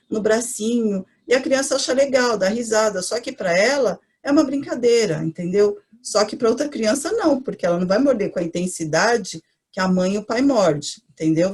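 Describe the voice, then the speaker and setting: A woman's voice: mid-range voice, a little mellow, husky. A woman with a Brazilian accent, a preschool educator, explaining in a chatty way and answering her own questions. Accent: Brazilian Portuguese. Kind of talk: casual explanatory talk.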